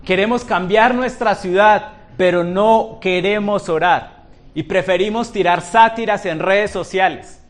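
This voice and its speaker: A man's voice: sits high, a little slow. A male pastor preaching a sermon in a church, asking the congregation rhetorical questions.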